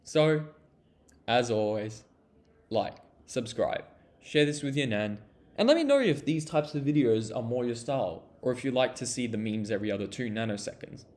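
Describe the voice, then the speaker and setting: A man giving a relaxed, jokey sign-off to a gaming video. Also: medium pitch, normal speed. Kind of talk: casual video outro.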